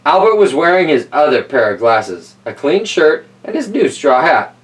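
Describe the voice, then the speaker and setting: Reading aloud for kids in a slightly high, sing-song voice, he keeps a normal speed and slips in playful commentary on the tale. It's a low-quality recording made from a distance.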